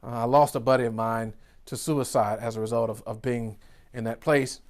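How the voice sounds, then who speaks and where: A man's voice: medium pitch, steady tone, moderate pace. A man in his fifties with a Georgia accent, giving an exuberant, preacher-like motivational keynote and tagging his lines with "right?". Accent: Southern US (Georgia). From Georgia, USA. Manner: exuberant, preacher-like, with whoops and a constant "right?" tag. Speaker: business coach, keynote speaker.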